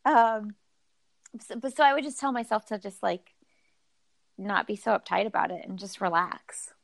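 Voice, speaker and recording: Speaking at a moderate pace in a creaky, mid-range voice, a podcast guest in her thirties talks about her running in a chatty, self-deprecating way and laughs a lot. The recording has no room sound.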